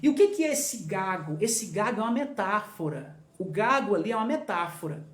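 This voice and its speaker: A man's voice: sits high, sing-song, brisk. A man leading an informal Bible study, who stresses points by repeating them and talks straight to his listeners. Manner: emphatic, repeats key phrases, addresses listeners directly. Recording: roomy echo.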